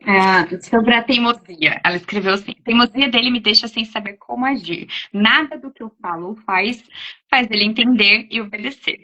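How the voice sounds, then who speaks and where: A woman's voice: on the high side, normal speed. A woman, an educator in her forties, casually answering parenting questions, often ending phrases with a questioning tag. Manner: warm explanatory, frequent "né?" tags. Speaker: educator giving parenting talk. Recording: dull lo-fi audio.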